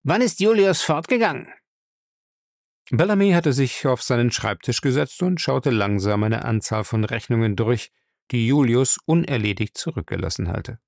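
A man reading a novel aloud as narrator, steady and measured. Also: medium pitch, creaky, no room sound, studio quality. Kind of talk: audiobook reading.

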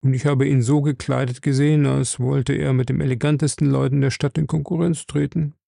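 A man voicing a stout, composed office manager in an audiobook, measured and confiding. His voice is dark and a little gravelly, recorded close and dry. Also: mid-range voice, level tone, dry recording. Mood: calm. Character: calm, stout middle-aged office manager.

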